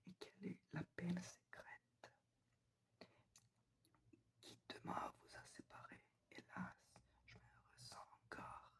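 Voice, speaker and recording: A woman giving a whispered ASMR poetry reading, soft, breathy and quiet as if late at night, reciting deliberately with pauses. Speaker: reader of poetry.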